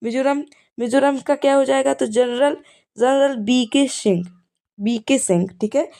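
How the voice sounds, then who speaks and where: A woman's voice: sits high, unhurried, vocal fry, mellow. A woman teacher giving an exam revision lesson, teaching memory tricks and often checking in with the listener as she repeats key points. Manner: repetitive, checks in with "ठीक है".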